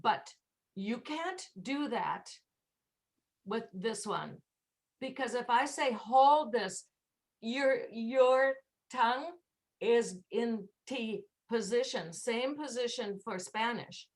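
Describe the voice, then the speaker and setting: A woman's voice: on the high side, animated, extremely slow. A woman teaching English pronunciation in an online class, patiently demonstrating sounds. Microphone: video call.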